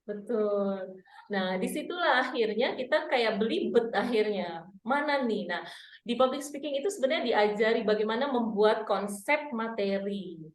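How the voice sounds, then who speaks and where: A woman's voice: a little high, echoey room. A woman public speaking coach teaching an online workshop, demonstrating vowel drills aloud.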